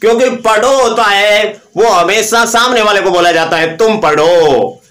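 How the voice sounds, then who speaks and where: A man's voice: high voice, normal speed, sharp tone, echoey room. A man teaching an online grammar lesson, reciting verb forms aloud and asking and answering his own questions.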